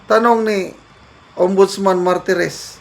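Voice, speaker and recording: A man's voice: sits high, fairly even intonation, takes it slowly, gravelly. A middle-aged Filipino man doing casual reaction commentary, reading out comments and laughing often in an amused, mocking way. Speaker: political commentary vlogger.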